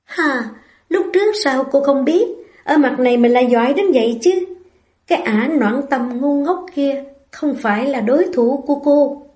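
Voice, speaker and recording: A woman's voice: high-pitched, normal speed, darkish tone, roomy sound, close to an everyday voice. A woman reading the inner thoughts of a scheming, jealous young woman, gloating and spiteful.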